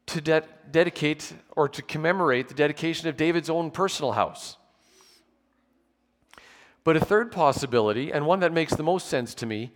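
A man in his forties preaching a measured, explanatory sermon at a pulpit microphone in a church, with touches of dry humour. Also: a little high. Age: 40s. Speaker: pastor. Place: church sanctuary with pews. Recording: long church hall reverb.

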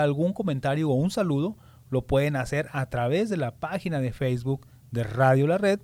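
A man's voice: medium pitch, darkish tone. A man hosting a children's radio program, explaining things simply to young listeners.

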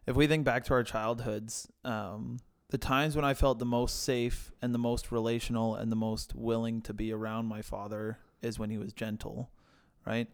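Guy with a gravelly voice talking faith slow and thoughtful, dry close sound. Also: mid-range voice, flat delivery, no room sound. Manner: reflective, measured and gentle. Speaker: podcast co-host. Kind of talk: casual faith discussion.

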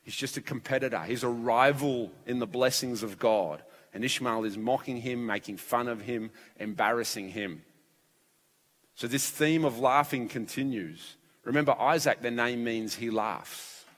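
A man's voice: mid-range voice, normal speed, fairly bright tone. A man preaching a sermon as pastor in a church, his voice strained and fragile, telling the story vividly and acting out voices. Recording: long church hall reverb.

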